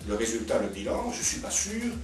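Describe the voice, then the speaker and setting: His medium-pitched voice swings widely in pitch and moves briskly as this man, an invited expert at a political round-table debate, argues spontaneously. He lays things out didactically, repeating words for emphasis. A crowd and music can be heard behind him in the echoey, roomy indoor cafeteria, captured by a distant mic.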